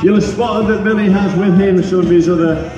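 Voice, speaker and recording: A man's voice: sits high, fairly even intonation, fairly quick, muffled recording. A man announcing a live stunt show like a kids show host, coaxing the crowd for applause and putting questions to the children. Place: outdoor show, over a loudspeaker system. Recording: echoey outdoor PA, far off, music and crowd. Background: music and crowd.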